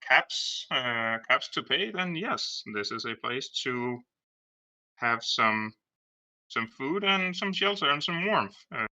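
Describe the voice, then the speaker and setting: A man playing a cautious, accommodating shelter keeper in a tabletop game, speaking haltingly. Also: mid-range voice, expressive, bright, forceful tone, heavily acted. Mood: wary, businesslike. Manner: halting, hesitant.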